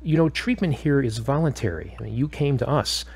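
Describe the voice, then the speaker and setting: Husky and medium in pitch, this man plays a firm, calm therapist in an audio drama, asking probing questions in a measured, instructive style. The mood here is stern and firm.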